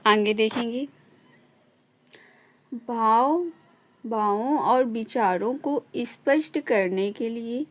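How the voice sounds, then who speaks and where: A woman teaching an online lesson, explaining each point slowly and repeating it, checking in with a short "okay" after almost every sentence. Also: fairly high pitch, darkish tone.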